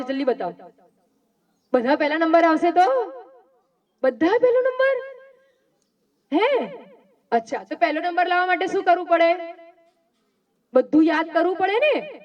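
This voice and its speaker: High-voiced woman preaching to children from far off. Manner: coaxing, quizzing the children with quick questions. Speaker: Jain nun giving a talk to schoolchildren. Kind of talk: simple sermon to children with call-and-response questions. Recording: dull sound from far off the mic.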